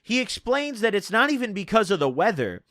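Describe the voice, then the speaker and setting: A young man telling a casual personal story in laid-back stoner slang, swearing freely and punching his words with animated emphasis. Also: high voice, fairly quick, dry recording, studio quality.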